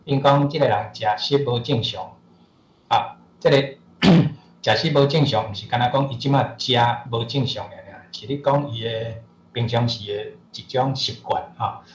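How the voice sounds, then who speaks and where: A man speaking with a Taiwanese accent, lecturing as a professor on the Taiwanese language, explaining patiently and often clearing his throat. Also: medium pitch, normal speed, a little hiss or hum. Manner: explanatory, frequent throat clearing and filler particles. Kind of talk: online lecture. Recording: roomy echo.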